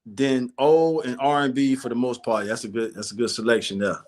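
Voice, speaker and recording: A man's voice: mid-range voice, steady tone, a little fast, a little mellow. A man, hosting a casual livestream chat and reading viewer comments aloud. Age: 40s. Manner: laid-back, reads viewer comments aloud. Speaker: show host.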